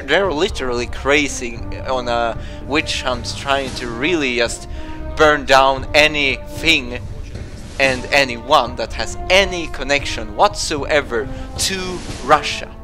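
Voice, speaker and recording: A man with a Swedish accent, a native Swedish speaker, rambling through news commentary with many fillers and restarts. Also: mid-range voice. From Sweden. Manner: meandering, full of fillers and restarts.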